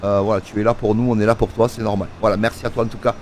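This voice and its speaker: A man's voice: on the low side, flat delivery, very fast, a little mellow, a little hiss or hum. A man giving casual, filler-heavy commentary over his farming game and joking with the workers in it. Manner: chatty, many fillers, talks to workers in the game. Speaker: gaming video creator. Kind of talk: casual let's-play commentary.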